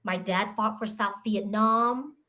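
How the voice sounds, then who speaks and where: A woman speech-language pathologist, a guest in an interview, telling a personal story in an earnest, emotional and animated way. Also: medium pitch, slow pace.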